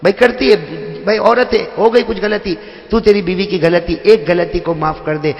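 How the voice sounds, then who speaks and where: A man's voice: high-pitched, fairly even intonation, dull audio. A male preacher giving a humorous sermon to a seated gathering in a large hall, teasing listeners by name and calling out to the crowd. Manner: jokey, teases listeners by name, calls out to the crowd. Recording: echoey hall with long reverb.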